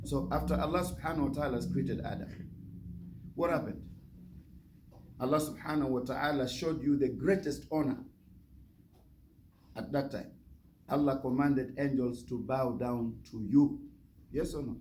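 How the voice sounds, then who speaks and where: A man's voice: mid-range voice, normal speed, long pauses, darkish tone. A man giving a religious lecture as an imam, teaching by repeating phrases and putting questions to his listeners. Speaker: imam, guest speaker. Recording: noticeable background noise.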